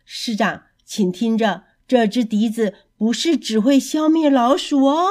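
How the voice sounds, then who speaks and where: A woman's voice: fairly high pitch, a little slow, darkish tone, natural voice. A woman voicing a wronged male piper in a storybook, speaking firmly and insistently. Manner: firm, insistent.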